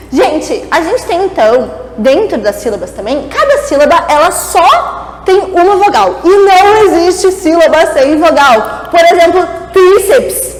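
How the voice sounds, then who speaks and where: A high-voiced woman teacher, her pitch swinging widely as she explains. She talks in a playful, chatty way, firing off rhetorical questions to her class. She is recorded in an echoey classroom with a long reverb tail and faint noise behind her. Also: expressive, measured pace. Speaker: Portuguese teacher. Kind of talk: classroom lesson. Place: classroom with a board.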